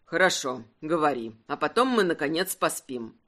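A woman acting out a self-assured aristocratic earl from a romance audiobook, speaking low and unhurried with a wry, teasing edge. His lively delivery keeps every line measured and controlled.

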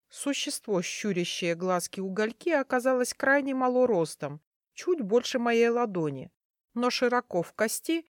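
A woman's voice: a little high, dry recording, clean studio sound. Woman narrating a fantasy audiobook. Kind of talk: first-person fantasy narration.

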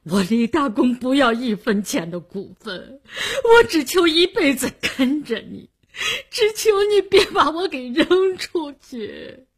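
A woman's voice: high-pitched, very animated, takes it slowly, few pauses, pitched above the performer's own voice, exaggerated voice. A woman voicing a loyal male underling who is crying as he begs. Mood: tearful.

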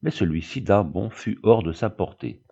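A man with a lowish, dark and mellow voice reads a Christmas storybook aloud in steady scripted narration. He shifts his voice up a little when he quotes the characters. The recording sounds dull and lo-fi. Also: moderate pace, creaky, husky. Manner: steady reading, lifts pitch for quoted voices. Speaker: audiobook reader.

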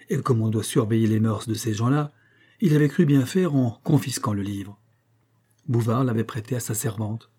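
A man narrating an audiobook in a measured, even literary reading. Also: on the low side, slightly rough.

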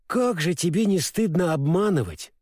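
A kind young girl, as a man reading a storybook puts her on, talks earnestly and sometimes gently scolds. She sounds light and lively. The sound is dry and close. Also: high voice, moderate pace, no echo.

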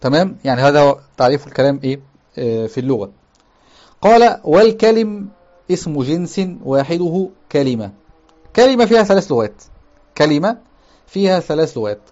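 A man's voice: on the high side, expressive, a little fast, a little mellow, muffled recording. A man teaching a grammar lesson. He explains step by step, repeats key terms, often checks with his listeners, and raises his voice when he quotes the text.

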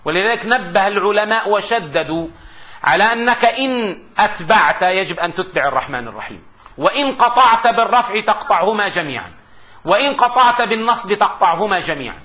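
A man giving a classroom lecture on grammar. He asks the class rhetorical questions and slowly recites his examples. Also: high-pitched, lively intonation, pushed and bright. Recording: dull lo-fi lecture recording.

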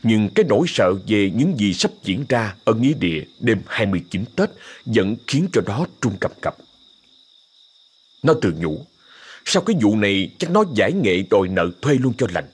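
A man tells a ghost story, his husky voice rising and falling with lively expression. The narration is scripted and vivid. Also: lowish voice, normal speed.

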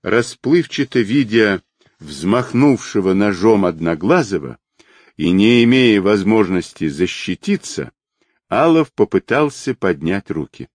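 Narrator: low-voiced man, lively dramatic delivery, dry close recording. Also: measured pace, no room sound. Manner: expressive storytelling of an action scene. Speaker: audiobook narrator. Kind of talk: dramatic audiobook reading.

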